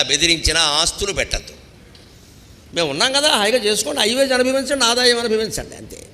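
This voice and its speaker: A man's voice: on the high side, big-room sound. A man giving a devotional discourse, acting out the lines of the people in his stories. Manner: animated, acts out dialogue in quoted voices. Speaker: spiritual discourse speaker.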